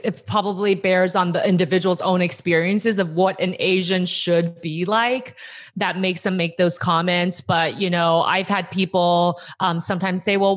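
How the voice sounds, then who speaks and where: A woman's voice: lowish voice, fairly bright tone. A woman hosting a casual conversation, engaged and asking her guests open questions. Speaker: host.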